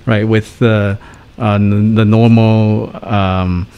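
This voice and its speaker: A man's voice: lowish voice, little pitch movement, slow, dark tone, clear, resonant tone. A man raised in Canada after a Taiwan birth, a life coach answering interview questions with many fillers. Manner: hesitant, frequent fillers and laughs. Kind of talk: casual interview.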